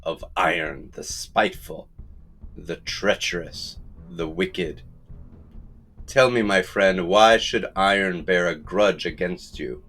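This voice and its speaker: A man's voice: low-pitched, slow, a bit bright, faint music behind, full character voice. A man doing a stern old greybeard healer. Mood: solemn. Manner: commanding, incantatory.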